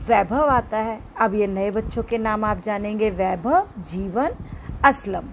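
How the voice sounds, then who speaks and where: A woman's voice: medium pitch, measured pace, slight background noise, poor audio. A woman teacher reading a children's story aloud as a lesson and explaining it to young pupils.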